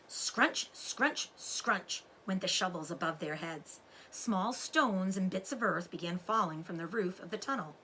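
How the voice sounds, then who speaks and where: A woman with a fairly low voice reads a children's story aloud, animated and expressive, explaining words to young listeners like a teacher. She speaks a little slowly with few pauses, and the low-quality recording carries slight background noise.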